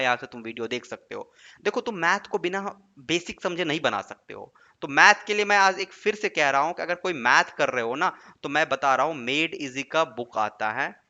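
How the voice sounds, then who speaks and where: A man's voice: a little high, pushed and bright, lo-fi sound. A man teaching an online exam-prep lesson, often checking in with questions to his students. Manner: coaxing, asks checking questions like "right?". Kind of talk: online lesson with screen writing.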